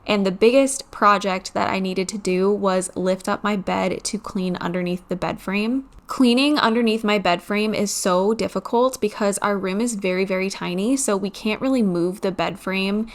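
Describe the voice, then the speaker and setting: A woman in her thirties chatting through a home cleaning vlog. Her voice sits in a middle pitch, and she talks in a candid, slightly tired way. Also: normal speed, few pauses. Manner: chatty, candid, a little weary. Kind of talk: casual vlog voice-over.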